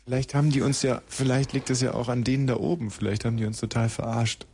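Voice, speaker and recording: A male radio host chats live on air. He jokes, laughs often and narrates what is happening in the studio like a sportscaster. His voice sits at a middle pitch. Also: level tone, quick pace, a little mellow, a little hiss or hum. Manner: joking, frequent laughter, mock play-by-play.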